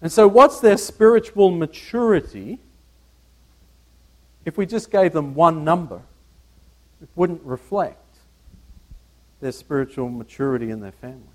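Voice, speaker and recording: Working from slides, a man preaches to a church congregation in a slightly high, animated voice. He talks conversationally, frequently stumbling and repeating words, and keeps asking the listeners questions.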